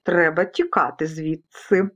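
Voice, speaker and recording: A woman's voice: low-pitched, fairly even intonation, measured pace, a bit bright, pitched below the performer's own voice. A woman voicing a fussy, squeamish house cat in a children's storybook reading, grumbling. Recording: dull lo-fi recording.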